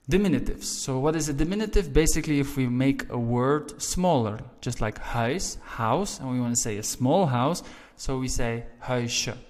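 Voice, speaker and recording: Patient male grammar teacher, reverberant room. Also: medium pitch. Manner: patient, repeats examples, often checks with "right?". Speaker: language teacher. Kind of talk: explaining grammar rules.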